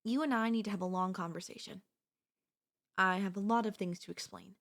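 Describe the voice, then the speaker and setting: A woman plays an obsessive, doting yandere stalker in an ASMR audio roleplay, a girlfriend-style monologue where she coaxes theatrically and calls the listener darling. She sounds concerned and explanatory, speaking fairly quickly in a creaky, medium-pitched voice with a steady tone and fairly bright quality.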